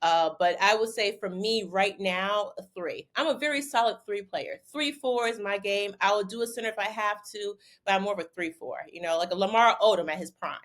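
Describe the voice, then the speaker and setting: Animated woman from Connecticut telling stories. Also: mid-range voice, a little fast, few pauses. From Bridgeport, Connecticut. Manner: animated storyteller, repeats words when excited. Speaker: interview guest, former basketball player turned model. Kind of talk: casual interview conversation.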